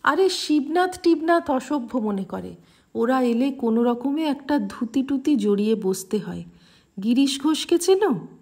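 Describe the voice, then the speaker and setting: A woman voicing a playful older male holy man who teases and coaxes in a lively, affectionate way, in a slow, mellow voice. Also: sits high, full character voice. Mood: musing.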